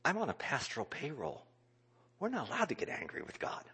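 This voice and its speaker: Man, pastor, sermon, bright husky voice, animated pitch, loud-to-whisper swings. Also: fairly quick. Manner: dynamic, swinging from loud exclamations to hushed whispers.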